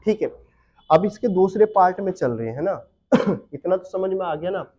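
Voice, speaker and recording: A man teaching a Hindi grammar class for exam prep. He asks questions, answers them himself, and repeats key terms slowly. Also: sits high, expressive, warm tone. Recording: dull lo-fi sound.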